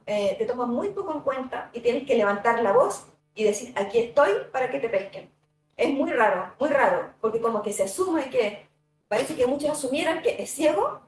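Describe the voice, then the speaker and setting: A woman giving a university lecture, thoughtful and conversational, with many fillers and tag questions. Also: sits high. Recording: echoey room, voice from a distance.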